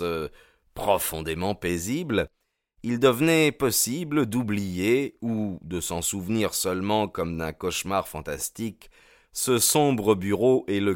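Deep-voiced guy narrating a story, steady measured reading, dry close sound. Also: no room sound. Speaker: audiobook narrator. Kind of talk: scripted narration.

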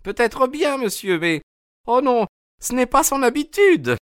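A loud working-class wife in an audiobook, her voice pitched way up and fluttering. She frets and chatters without pause, all in a dry, close recording. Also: sing-song, smooth, no room sound, full character voice. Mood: fretful chatter. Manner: shrill, chattering, fretful. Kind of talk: audiobook character voice.

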